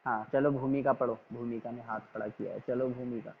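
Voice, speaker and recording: A man teaching an online class, calmly but firmly correcting his students' reading and repeating himself until they get it right. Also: mid-range voice, a little fast, phone-quality sound, slight background noise. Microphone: video call.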